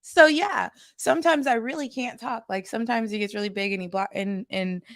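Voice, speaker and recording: A woman's voice: fairly high pitch, a little fast, dry recording, clean studio sound. A woman co-hosting a casual relationship chat, hesitant, searching for words and laughing easily. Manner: hesitant, many fillers and restarts, laughs often. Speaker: podcast co-host.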